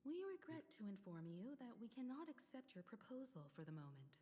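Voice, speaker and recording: Poised diplomatic leader. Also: female voice, fairly high pitch, big pitch swings, brisk, warm tone, long reverb tail.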